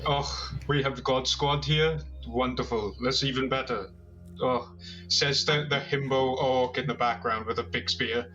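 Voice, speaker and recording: Man playing a cocky himbo orc, bright voice. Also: medium pitch, fairly even intonation, measured pace. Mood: sardonic, smug. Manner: himbo swagger, sarcastic. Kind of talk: role-play at a tabletop game. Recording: dull, lo-fi mic.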